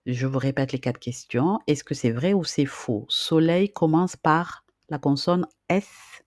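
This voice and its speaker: Slow, patient reading teacher. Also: mid-range voice, a little mellow, dry recording, studio quality. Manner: drills syllables and repeats questions patiently; casual fillers between explanations. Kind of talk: slow, deliberate teaching for beginners.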